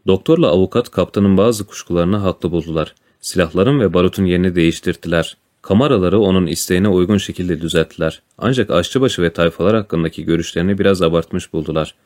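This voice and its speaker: A man reading a classic adventure story aloud as a narrator, in a calm, even storytelling manner. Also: low voice, fast talker, hardly any pauses. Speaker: audiobook narrator. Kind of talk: storybook narration with voiced dialogue.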